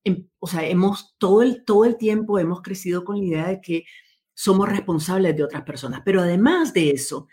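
Woman w a lowish voice, earnest guest in an interview, thinks out loud and fixes her words as she goes. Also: a little fast. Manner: thoughtful, earnest, self-correcting. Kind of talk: conversational interview.

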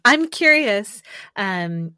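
A woman hosting a podcast, asking curious questions in a relaxed, chatty way. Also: mid-range voice, extremely slow, clean tone, no room sound, clean studio sound. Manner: curious, relaxed, uses fillers. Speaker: podcast host. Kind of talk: conversational podcast interview.

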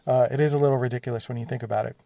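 A man's voice: medium pitch, steady tone, rapid-fire, creaky, warm tone, dry recording. A man hosting a solo podcast, thinking aloud casually with plenty of fillers, recorded on a phone in his studio. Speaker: podcast host.

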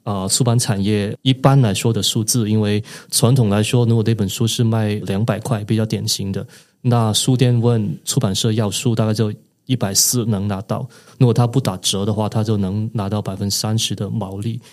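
A man, an author and podcast guest, explaining his ideas thoughtfully with frequent pauses. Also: lowish voice, steady tone, a little mellow. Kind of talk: podcast interview.

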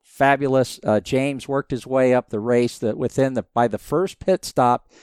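A man in his fifties, a podcast guest telling stories in a lively, rambling way with many restarts. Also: mid-range voice, moderate pace, smooth, dry recording, clean studio sound. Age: 50s. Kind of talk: casual storytelling interview.

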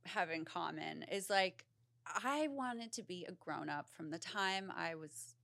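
A woman with a bright, forceful voice hosts a relaxed podcast interview. She is chatty and informal, dropping in "like" often, and the sound is close and very dry. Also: fairly low pitch, a little slow, gravelly, no echo. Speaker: podcast host. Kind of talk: casual conversational interview.

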